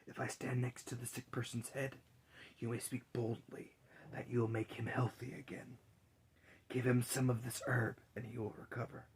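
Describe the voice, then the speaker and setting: A man voicing Death as a stern, menacing godfather spirit in a fairy tale, speaking slowly and ominously in a hushed, breathy whisper. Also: medium pitch, little pitch movement, a little hiss or hum, lightly acted, low-quality recording. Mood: solemn, commanding. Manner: slow, ominous, deliberate. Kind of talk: dramatic fairy tale reading.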